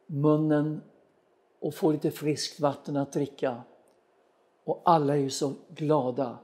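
A man's voice: fairly high pitch, warm tone. A male pastor giving a broadcast sermon, speaking earnestly and directly to his listeners while telling a story from his travels. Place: studio broadcast of a web church.

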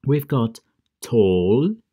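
A man teaches a children's English lesson at a very slow, deliberate pace. He drills each pair of words over and over and leans on the pronunciation so learners can copy him. His voice sits at an ordinary middle pitch. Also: animated, warm tone, husky. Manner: drills word pairs with slow, careful repetition. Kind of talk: bilingual vocabulary lesson for children.

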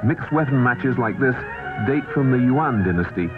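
A man reading scripted documentary narration in a measured, even way, heard from a worn VHS tape copy. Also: medium pitch. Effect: worn VHS tape copy, muffled and lo-fi. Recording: muffled worn videotape with music behind.

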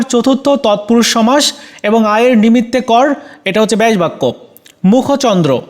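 A man as a teacher, methodically going over exam answers for students and pausing on frequent "ah" fillers. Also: sits high.

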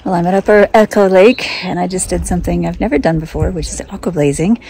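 A woman's voice: on the low side, quick pace, vocal fry, a little mellow, a little hiss or hum. A middle-aged woman talking into a phone held at arm's length on a mountain trail, chatty and upbeat, hot and tired from hiking. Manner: chatty, upbeat, laughs often. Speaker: hiking vlogger. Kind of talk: casual trail vlog.

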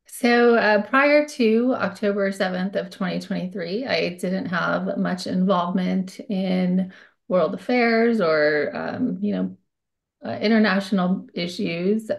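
A woman's voice: fairly low pitch, creaky. A woman from the United States speaking candidly as a webinar guest, with frequent fillers, over a video call. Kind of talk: personal account.

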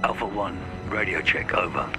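An actor playing a steady veteran soldier commander, giving calm, clipped orders over a radio link in a video game scene. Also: male voice, low voice, normal speed, loud music behind the voice. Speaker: squad commander. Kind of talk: video game cutscene dialogue.

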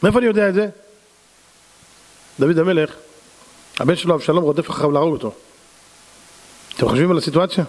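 A man, a rabbi, preaching a sermon in an animated, storytelling manner. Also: fairly high pitch, pauses often. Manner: animated, acts out characters. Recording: long hall reverb.

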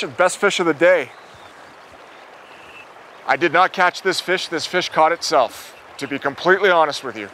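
A man's voice: a little high, a little hiss or hum. Upbeat man hosting a fishing show. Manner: upbeat, excitable when a fish bites. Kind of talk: outdoor fishing show commentary. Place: outdoors, wading in a small river.

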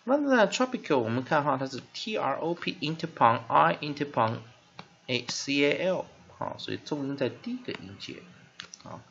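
A male teacher giving a phonics lesson, sounding out word parts slowly and repeatedly with many filler sounds. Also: medium pitch, expressive, creaky, fairly bright tone. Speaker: English teacher. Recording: dull lo-fi recording with faint hiss.

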